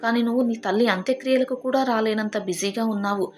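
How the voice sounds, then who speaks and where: A woman's voice: a little high, fast talker, soft background music, close to an everyday voice. A woman voicing a grieving, stern elderly father in a storybook, speaking with bitter reproach.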